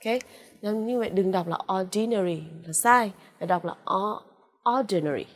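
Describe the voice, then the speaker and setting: A Vietnamese-accented English teacher with a mid-range voice runs a vocabulary lesson with pronunciation drills. She patiently repeats English words slowly and drawn-out, using frequent "ok" and "à" fillers and coaxing students with "đúng không ạ?"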